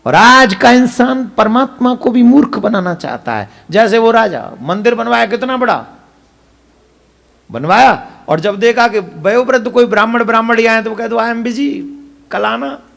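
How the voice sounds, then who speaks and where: एक पुरुष संत-कथावाचक, ब्रज लहजे के साथ, भक्ति कथा सुनाते हुए। उसका स्वर ऊँचा है, उसमें खुरदुरापन है, और वह श्रोताओं को प्रश्नों से झकझोरता है।. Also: male voice, very high-pitched, lively intonation, normal speed, vocal fry, fairly bright tone. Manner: emphatic, rhetorical questions to the audience. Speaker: katha preacher. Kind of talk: devotional katha sermon.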